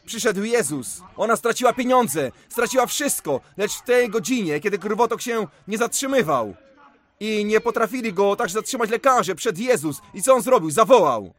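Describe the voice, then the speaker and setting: A man's voice: high voice, lively intonation, moderate pace, a bit bright. A man preaching a sermon, retelling stories with emphatic, storytelling delivery.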